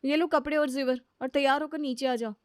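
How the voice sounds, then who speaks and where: Bossy older sister-in-law, high and scolding; a woman voices her. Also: fairly even intonation, fairly quick, no room sound, clean studio sound, close to an everyday voice. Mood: scolding, exasperated. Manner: scolding, sharp and loud. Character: bossy elder sister-in-law, irritable housewife.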